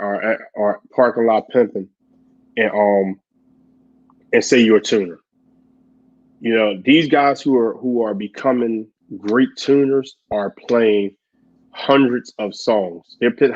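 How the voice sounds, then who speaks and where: A man co-hosting a casual chat, animated, laughing often and acting out quotes. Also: medium pitch. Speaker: podcast co-host. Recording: dull lo-fi audio.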